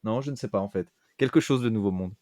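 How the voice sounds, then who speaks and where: A man's voice: lowish voice, fast, a little mellow, no echo, studio quality. A man co-hosting a casual podcast, friendly, with mock-formal politeness. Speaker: podcast co-host. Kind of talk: casual chat.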